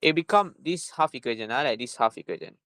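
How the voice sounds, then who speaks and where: A man's voice: medium pitch, expressive, quick pace, fairly bright tone, no echo. A man with a Malaysian accent giving an informal lesson as a tutor, repeating himself and often tagging phrases with little checking words. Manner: repetitive, punctuating with "right?" and "lah". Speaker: chemistry tutor.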